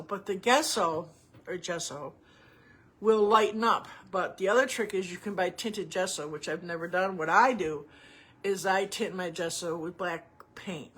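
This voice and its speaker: A woman's voice: medium pitch, slight background noise. A woman giving a casual painting tutorial, talking in a rambling, folksy way with lots of asides. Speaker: painting teacher.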